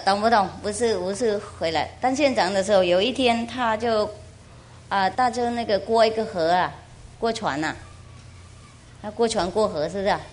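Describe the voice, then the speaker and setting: A woman from Taiwan, a spiritual teacher, telling a moral story in a chatty, animated way and often asking listeners questions. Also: mid-range voice. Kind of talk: storytelling sermon.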